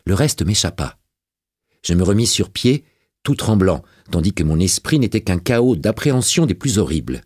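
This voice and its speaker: A man narrating a novel as an audiobook, with a dramatic and expressive reading. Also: sits low, moderate pace, husky, no room sound, studio quality.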